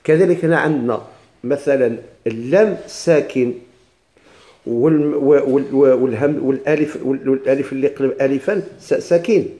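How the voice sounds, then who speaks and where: A man with a Moroccan Arabic accent teaching a recitation class. He asks the class questions, answers them himself, and repeats words slowly with many restarts. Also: mid-range voice, warm tone. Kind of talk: classroom lesson explaining a text.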